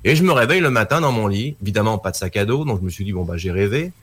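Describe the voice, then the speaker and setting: A man, a guest telling a personal story in a casual talk, lively and full of fillers. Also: fairly low pitch, very fast, slightly rough. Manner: animated anecdote telling, with many fillers and acted quotes.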